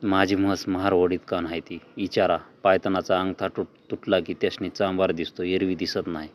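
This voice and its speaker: A man plays an aggrieved village cobbler who complains in plain rustic words. The voice is low and even, with little rise and fall. A faint hiss sits behind this storybook reading. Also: moderate pace, natural voice.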